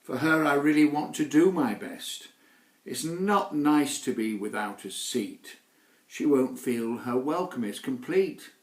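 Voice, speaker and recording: A man's voice: medium pitch, expressive, unhurried, natural voice. A man reading a poem aloud, putting on the voice of a posh, fretful woman. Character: posh older woman fussing over a guest. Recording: roomy echo.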